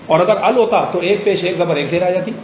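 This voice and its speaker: A man teaching a grammar lesson in a classroom, pausing often to ask students questions and slowing down on examples. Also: sits high, a little hiss or hum. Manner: drills students with frequent check questions; slows down to spell out example phrases. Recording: roomy classroom echo.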